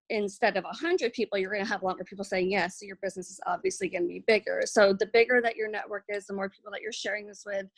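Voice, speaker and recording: A woman's voice: medium pitch, no echo. A woman leading an informal team training, talking in a chatty way with many fillers and restarts, and saying she feels shy and nervous. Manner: self-described shy and nervous. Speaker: network marketing team trainer. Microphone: recorded for a video.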